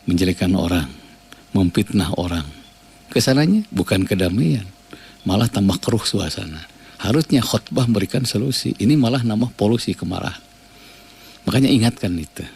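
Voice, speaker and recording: Male radio preacher, low husky gravelly voice, calm advising tone. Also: moderate pace, pauses often. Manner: calm advisory, reads listener messages, quotes Arabic sayings. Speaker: radio preacher answering listener questions. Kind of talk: live radio religious Q&A.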